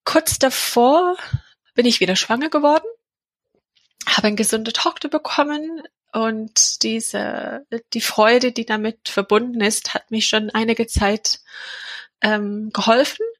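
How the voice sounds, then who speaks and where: Speaking German with an English accent, this Englishwoman in her thirties, mother of a child with a heart defect, offers a halting personal account filled with fillers and restarts. Her slow voice sits on the high side with a slightly bright tone, recorded dry.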